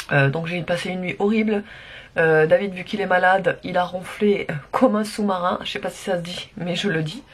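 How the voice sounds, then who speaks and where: Husky, sore-throated woman vlogging. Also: on the low side, fairly even intonation, normal speed. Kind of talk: casual vlog chat to viewers.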